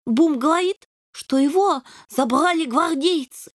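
A woman's voice: high voice, a little slow, dry recording, clean studio sound, voice pushed up. A woman voicing an earnest little male ginger kitten who tells his story plainly and eagerly.

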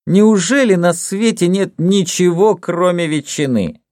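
A man's voice: mid-range voice, sing-song, normal speed, a little mellow, no echo, clean studio sound, pitched above the performer's own voice, lightly acted. A man voicing a sour, scornful young woman. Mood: sour demands. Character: sharp-tongued bitter young woman, marathon dancer. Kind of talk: audiobook reading.

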